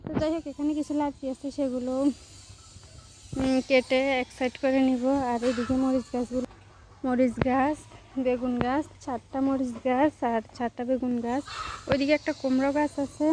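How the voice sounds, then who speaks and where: A young Bangladeshi woman chatting to her viewers while she works in her village garden, rambling and casual, sometimes slow and soft. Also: high-pitched, background noise. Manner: speaks slowly and softly on purpose at times. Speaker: village vlogger. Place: outdoors in a village vegetable garden.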